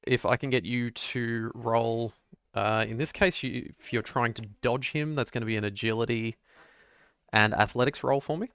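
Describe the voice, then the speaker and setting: A man acts as game master for a tabletop role-playing game and explains rolls in a patient, measured way. His voice is gravelly yet smooth and resonant. It is recorded dry and close, with no room sound. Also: medium pitch, steady tone, a bit bright, no room sound.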